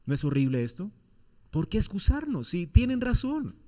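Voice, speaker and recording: A man's voice: high-pitched, big pitch swings, moderate pace, warm tone. A man preaching a sermon as pastor, firing off rhetorical questions with emphatic swings in his delivery.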